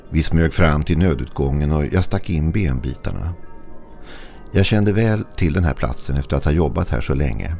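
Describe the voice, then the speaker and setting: A man with a gravelly voice reading a scripted horror story in a low, hushed, suspenseful way. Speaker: narrator. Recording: narration over faint music.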